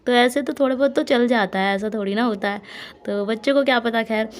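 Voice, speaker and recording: A young woman from India tells the story of her family's day in a relaxed, chatty voice-over. Her voice sits a little above the usual for a woman, and she laughs easily as she talks. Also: fairly high pitch, fairly quick. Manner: chatty, laughs often, talks warmly to her small children. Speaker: vlogger and mother. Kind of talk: casual voice-over narration of a family vlog.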